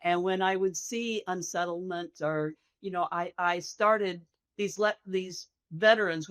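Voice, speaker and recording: Soft, slow hospice nurse, older woman. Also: fairly low pitch, no echo. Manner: soft, slow, measured, thoughtful delivery. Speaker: hospice nurse, interview guest. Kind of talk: reflective interview answer.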